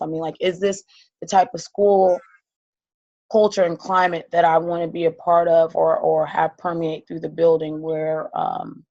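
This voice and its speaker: A slightly hoarse woman talks through a case study in class, pausing on ums and restarting phrases. Her voice is low and mellow. The recording sounds dull and lo-fi. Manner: hesitant, many ums and restarts. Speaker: student in a leadership course.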